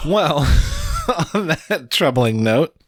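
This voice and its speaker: A man's voice: fairly high pitch, sing-song, drawn-out words, dry recording. Dry-joking man co-hosting a podcast. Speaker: podcast co-host. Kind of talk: casual podcast chat.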